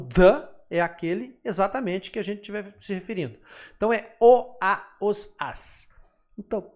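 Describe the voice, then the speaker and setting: A man teaching English grammar patiently, checking in often with his students. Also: high voice. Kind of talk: screen-share lesson explanation.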